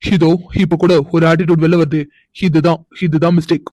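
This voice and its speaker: A man's voice: on the high side, little pitch movement, brisk, darkish tone, dry recording, studio quality, close to an everyday voice. A man voicing a mocking young man in a cartoon, teasing and taunting. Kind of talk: cartoon voice acting.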